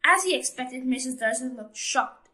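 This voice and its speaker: A woman reading a novel chapter aloud in a plain, slightly halting read-aloud manner. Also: sits high, lively intonation, sharp tone, rough recording. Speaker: book reader.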